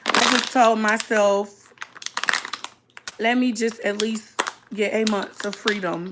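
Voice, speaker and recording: Woman doing a chill livestream reaction, mid pitched voice, just chatting w her viewers casually. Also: a bit bright. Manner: informal, conversational, addressing viewers directly. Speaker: streamer hosting a reaction mukbang. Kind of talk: casual live-stream chat reacting to a video and viewer comments.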